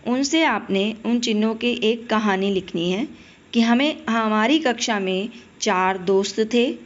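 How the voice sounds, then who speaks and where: A woman's voice: fairly high pitch, measured pace, highs cut off. Patient woman teaching a children's class. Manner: patient, addresses children directly, asks then answers. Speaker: primary school Hindi teacher. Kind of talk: classroom lesson explanation.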